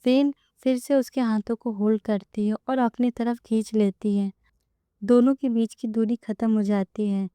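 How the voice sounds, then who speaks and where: A woman narrating a romance story in an even, storytelling way. Her voice is slightly high yet mellow, smooth and clean. It is recorded close and dry. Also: no room sound.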